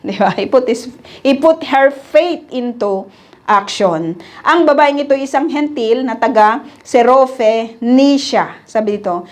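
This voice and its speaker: A woman's voice: sits high, expressive, a little slow. A woman preacher giving a conversational sermon to her congregation. She keeps asking them questions and acts out people's prayers and pleas in quoted voices. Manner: addresses the congregation as brothers and sisters.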